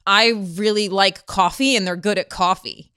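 Woman host, mid pitch, teasing friendly questions. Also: steady tone, normal speed, sharp tone, smooth. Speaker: interviewer. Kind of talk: casual interview.

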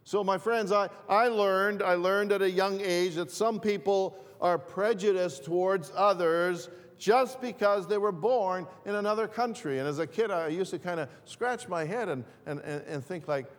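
A man preaching a sermon as pastor, repeating and restarting his phrases in a deliberate way. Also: high-pitched, big-room sound. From northern Greece.

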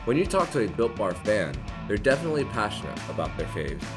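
A man reading a scripted podcast ad as an upbeat promotional sales pitch. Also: very animated, fast, over music. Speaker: podcast host. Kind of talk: scripted ad read.

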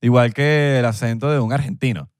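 A man's voice: mid-range voice, a little fast, no room sound, clean studio sound. A young man with a Venezuelan accent, co-hosting a podcast, joking playfully and swearing freely. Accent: Venezuelan Spanish. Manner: animated, playful, swears a lot, mimics voices. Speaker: podcast co-host. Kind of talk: casual banter.

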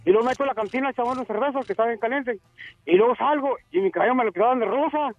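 A man's voice: very high-pitched, racing, no room sound. A man calling in to a radio show, telling a joke in a casual, slangy way. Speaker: radio caller. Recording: dull phone-in line.

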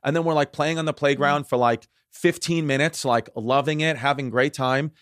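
A man's voice: fairly high pitch, steady tone, moderate pace, fairly bright tone, no echo, studio quality. A man in his thirties hosting a podcast, telling stories in a loose, rambling way with frequent repeats and laughter. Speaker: podcast host. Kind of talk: casual comedic chat.

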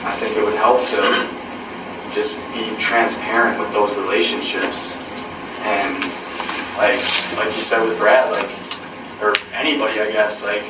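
A young man speaking candidly to his team in a halting, earnest, blunt way with swearing, caught on a secret recording. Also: on the low side, fairly even intonation. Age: young adult. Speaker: college basketball player. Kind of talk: candid speech at a team meeting. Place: indoor room, captured from far off. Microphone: hidden recorder, far from the speaker. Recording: secret recording, distant, echoey, noisy, muffled room sound.

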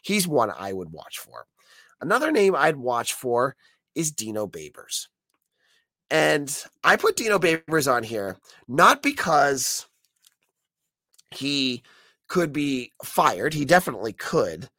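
An American man with a hoarse, croaky frog voice from being sick gives opinionated, conversational sports commentary as a solo podcast host. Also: medium pitch, very animated, slow, pushed and bright, dry recording.

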